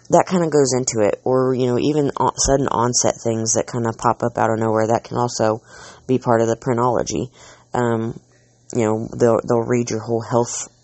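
A man's voice: mid-range voice, darkish tone, no echo. A man hosting a casual monologue, chatty and rambling, drifting off on tangents and full of filler words. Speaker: host counting down a list.

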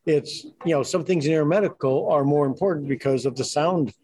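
A man's voice: fairly high pitch, fairly quick, a little mellow, low-quality recording. A man speaking in a casual panel discussion, thinking aloud with lots of "you know" and "I mean". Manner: thoughtful, many fillers like "you know".

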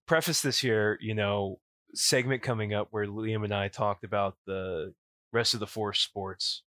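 A man with a rough, gravelly voice, still recovering from illness, speaking casually and informally as a podcast host. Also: lowish voice, bright, forceful tone, dry recording, studio quality. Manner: informal, says "yous" for plural you. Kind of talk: casual solo podcast update.

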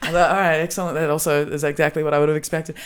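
A woman with an Australian accent telling a lively story in a casual podcast chat, acting out the lines of the people in it. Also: deep voice, rapid-fire, slight background noise. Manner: animated storytelling, acting out quotes. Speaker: comedian guest.

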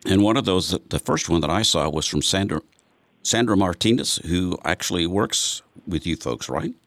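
A man's voice: deep voice, expressive, normal speed, fairly bright tone, dry recording. A man interviewing guests in a chatty way, often restarting his sentences. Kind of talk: conversational interview.

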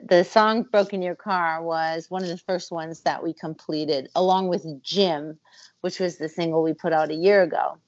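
A woman's voice: lowish voice, no echo, dull audio. A woman, a musician and former voice actor, talking thoughtfully in a casual interview over a video call, with frequent ums and uhs.

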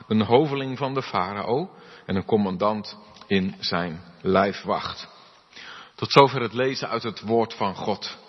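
A pastor reads Scripture and preaches in a husky voice, giving the quoted lines an expressive turn. The recording is dull and muffled, and his voice trails off into the long reverb of a church hall. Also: on the low side. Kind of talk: Bible reading and sermon.

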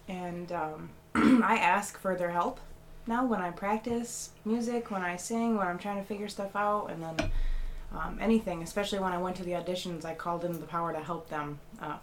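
Woman, 20s, low-ish voice, rambling casual talker, slight background noise. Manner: rambling, many fillers and restarts. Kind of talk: casual chat.

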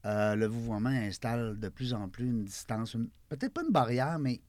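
A man's voice: medium pitch, expressive, normal speed, darkish tone, no echo. A man with a Québécois French accent co-hosting a podcast, chatty and joking as he puts questions to a guest. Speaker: podcast co-host. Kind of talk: casual panel discussion.

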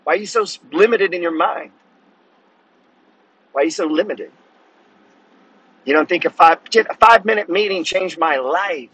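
A man's voice: high voice, moderate pace, pauses often, a bit bright, breathy edge, low-quality recording. A man in his fifties hosting a podcast, giving a blunt, profane motivational monologue. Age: 50s. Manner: blunt, cursing, preachy. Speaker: podcast host.

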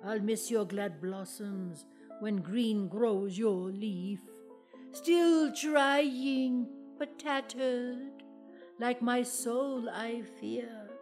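A woman's voice: fairly high pitch, drawn-out words, darkish tone, soft background music. A woman voicing a pompous, grand female poet who recites in a lofty, declamatory way in a comic audio play. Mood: reciting grandly.

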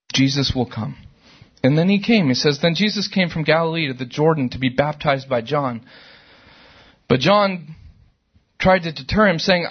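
Male pastor, middle-aged, husky voice, fairly high pitch, lively sermon delivery, church service. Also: dull audio. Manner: animated, conversational preaching with sudden loud outbursts.

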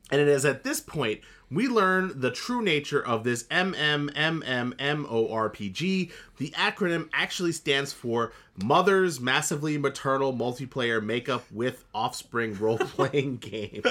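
A man's voice: medium pitch, measured pace. A man co-hosting a podcast, recapping an anime episode in casual chat with a sarcastic edge. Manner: animated and sarcastic. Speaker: podcast co-host.

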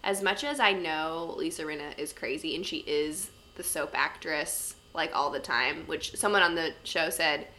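A woman's voice: low-pitched, normal speed, hardly any pauses, sharp tone, slight background noise. A young woman co-hosting a podcast, chatting casually about reality TV with lots of asides. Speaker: podcast co-host. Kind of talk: casual chat.

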